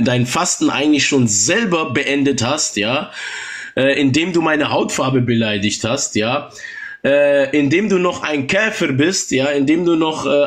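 Male stream host, casual chat; calm, mocking delivery full of tag questions; mixes German and English. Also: mid-range voice. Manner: switches between German and English. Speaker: livestream host.

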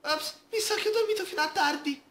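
A man voicing a sleepy, cheerful young girl sea witch in a sweet, girlish falsetto. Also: fairly quick, vocal fry, pushed and bright, roomy sound, heavily acted.

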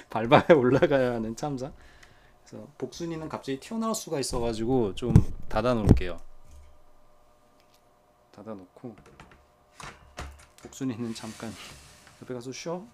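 A man chatting casually to viewers while tending his small pets at home, often dropping to a soft coaxing murmur. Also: medium pitch, animated, measured pace, pauses often, slight background noise. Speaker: pet vlogger.

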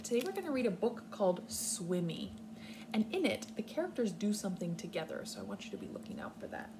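A young American woman sits on a living-room couch reading aloud to small children like a kindergarten teacher, explaining things clearly in simple words. Her mid-range voice swings hugely in pitch at a quick pace, and the home recording is clearly noisy.

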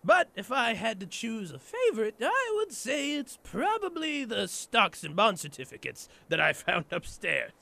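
A gleefully cruel clown villain, pitched extremely high and swinging wildly. He taunts theatrically in a gravelly creak, like a showman in a radio play. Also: huge pitch swings, bright, forceful tone, a little hiss or hum, exaggerated voice. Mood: gloating. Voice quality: shrill, gravelly. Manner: theatrical, sing-song taunting, drawn-out. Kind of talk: fan radio drama acting.

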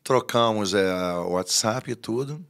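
A man's voice: on the low side, measured pace. A man, a guest on a podcast, telling stories in casual chat and acting out the people he quotes. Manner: animated storyteller who acts out the people he quotes. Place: podcast studio.

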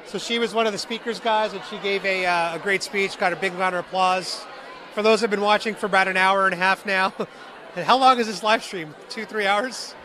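A young man hosts a live vlog in a large meeting hall, chatting upbeat with viewers and interviewing people on a handheld mic as a crowd murmurs. As a street interviewer and livestream host, he speaks a little fast in a high, bright, forceful voice with a steady tone, over a slight hiss or hum.

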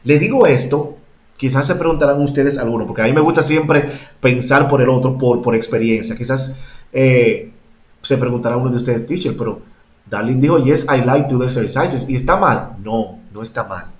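A man leads an English lesson for Spanish speakers, walking through each grammar point patiently and dropping English example sentences into his explanations. His voice sits at an ordinary pitch. It reaches us dull and lo-fi from a roomy, echoey space. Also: moderate pace. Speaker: English teacher. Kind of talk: bilingual online class teaching.

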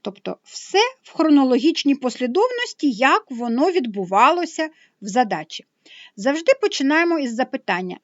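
A woman's voice: high voice, dry recording, lo-fi sound. A woman math teacher explaining a lesson patiently, step by step.

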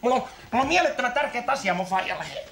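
A man's voice: extremely high pitch, lively intonation, creaky, reverberant, noisy background, full character voice. A man playing a brash, giggly 40-year-old in a TV comedy sketch, talking in Helsinki slang and stammering as he tells his story. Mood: cheeky. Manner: giggly, stammering, keeps tacking on "hei".

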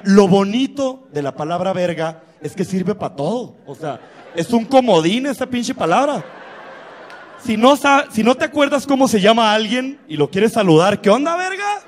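A man with a Mexican accent doing profane, animated stand-up storytelling. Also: sits high, moderate pace, in a large hall, a faint crowd, slight background noise. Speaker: stand-up comedian.

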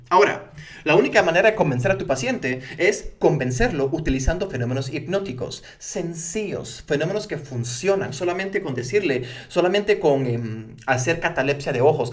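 An energetic man teaches hypnotherapy, tossing in frequent "ok?" check-ins as he talks. His voice sits on the higher side. He sounds slightly away from the microphone. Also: far from the mic. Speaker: hypnotherapy instructor. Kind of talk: instructional talk to camera.

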